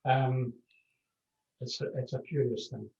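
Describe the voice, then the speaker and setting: A Scottish man who plays the pipes, answering interview questions in a relaxed, explanatory way with repeated words. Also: mid-range voice, unhurried, vocal fry. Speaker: piper. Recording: distant, dull, echoey call audio.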